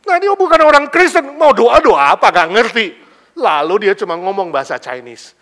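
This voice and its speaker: A man from Indonesia preaching as a pastor, his voice riding high and swinging widely up and down. He tells his stories with animation, acting out the people in them and mixing in English and casual slang. His tone is bright and forceful. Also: big pitch swings, moderate pace. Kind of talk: sermon with anecdotal storytelling.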